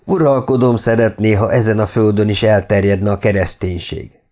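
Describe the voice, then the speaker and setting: A man's voice: lowish voice, fairly even intonation, a little mellow, lightly acted. A man voicing a proud, menacing male conqueror in an audiobook reading, curt and stiff. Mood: stern.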